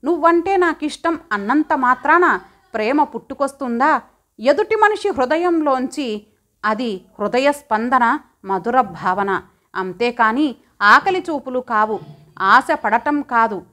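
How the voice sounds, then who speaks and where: Woman audiobook narrator, high voice, measured first-person storytelling. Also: expressive, bright, forceful tone.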